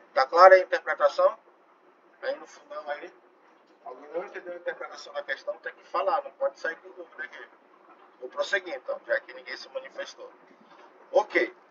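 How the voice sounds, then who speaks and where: A man teaching a math class in a classroom, in a loose, chatty way, with many tag questions, slowing down to stress key phrases. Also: on the high side, fairly bright tone, breathy edge. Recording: dull lo-fi classroom recording with faint noise.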